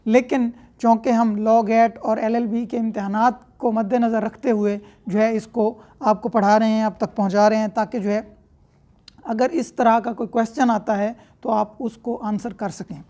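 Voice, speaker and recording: A woman with a Pakistani accent teaches law in a flat, fairly high-pitched voice with a dark tone, speaking at a normal speed. She reads English statute and explains it in Urdu step by step, restating points in other words.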